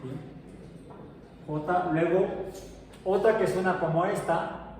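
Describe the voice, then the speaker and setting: This is a middle-aged male teacher with a Mexican Spanish accent, whose high-pitched voice moves slowly with fairly even intonation. His lecture keeps slipping into talkative, meandering storytelling. The sound is distant and roomy, with echo and faint background noise.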